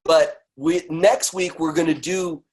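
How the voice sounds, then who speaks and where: Middle-aged guy teaching a webinar, gets loud then goes real quiet, repeats stuff over and over. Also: a little high, measured pace. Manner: animated, swings between loud bursts and quiet murmurs, repeats phrases. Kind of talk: teaching webinar, guided exercise.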